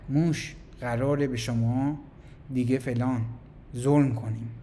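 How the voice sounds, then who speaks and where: Guy giving a motivational talk, pretty high voice, keeps asking the listener questions, goes loud then quiet. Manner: emphatic, rhetorical questions, swings loud and soft. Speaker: motivational speaker.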